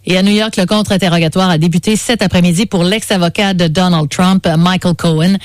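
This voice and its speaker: A man's voice: high-pitched, steady tone, brisk, no echo. A man with a Quebec French accent reading a scripted radio news bulletin. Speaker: news reader.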